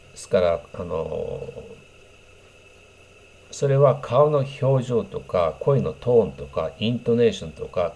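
Male language teacher, gravelly, lively pitch, patient explainer. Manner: patient, plain explaining with many fillers, repeats example phrases slowly. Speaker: English teacher.

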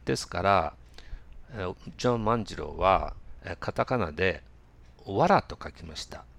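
A man giving a relaxed spoken lesson on pronunciation, using many fillers and repeating example words slowly. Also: deep voice, gravelly. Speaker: English pronunciation teacher.

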